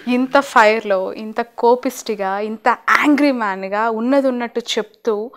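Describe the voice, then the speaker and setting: A woman's voice: a little high, normal speed. A woman interviewing a guest, asking coaxing, admiring questions.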